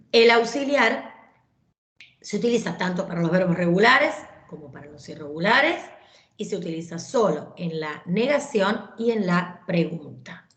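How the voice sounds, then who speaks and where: A woman's voice: fairly low pitch, animated, a little slow, fairly bright tone. A woman, teaching an English class online. She explains grammar patiently, with frequent fillers and tag questions. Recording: echoey room.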